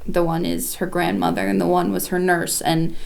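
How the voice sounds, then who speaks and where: Lower-pitched woman gushing about a film. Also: flat delivery, normal speed, gravelly, a little mellow. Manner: enthusiastic, rambling with fillers. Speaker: podcast co-host. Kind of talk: casual film-review chat.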